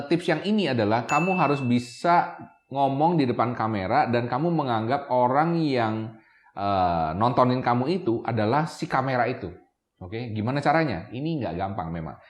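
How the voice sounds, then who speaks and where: A man giving casual tips to camera as a YouTube presenter, chatty, often checking in with "ya kan?" and mixing in English words. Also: medium pitch. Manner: mixes English words into his talk. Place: room with a camera operator. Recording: echoey room.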